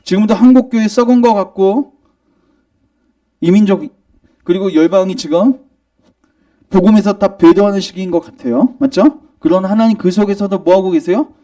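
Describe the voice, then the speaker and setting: A man's voice: sits high, moderate pace, pauses often, mellow, far from the mic. A male pastor preaching a sermon, questioning the congregation and answering himself, pressing his points with emphasis. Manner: emphatic, rising in argument. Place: church sanctuary.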